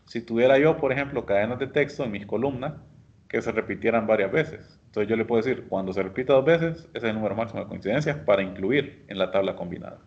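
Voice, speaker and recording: Man patiently teaching software steps. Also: on the low side, fast, highs cut off. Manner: patient step-by-step explaining, addresses students directly. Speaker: instructor. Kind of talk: screen-share software lesson.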